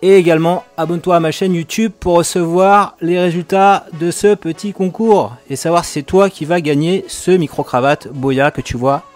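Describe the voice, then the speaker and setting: A man's voice: on the high side, normal speed, hardly any pauses, darkish tone, soft background music. A man hosting a casual tutorial, talking straight to the viewer in a chatty way with a few hesitations. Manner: chatty, addresses viewer directly, some hesitations. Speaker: YouTube tutorial host.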